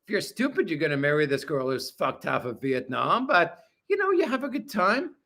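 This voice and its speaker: Swearing plenty, a forties-aged livestream host responds to viewer comments from his apartment in a crude, blunt, casual way. His voice is a little high and bright, carries a forceful edge, and swings widely in pitch at a normal speed.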